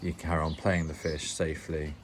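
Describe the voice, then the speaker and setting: A man with a very low voice walks through tying a fishing rig step by step, plain and explanatory, with a dry, self-mocking wit. Faint birdsong chirps in the background. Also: flat delivery, brisk, slight background noise. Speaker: angling channel host.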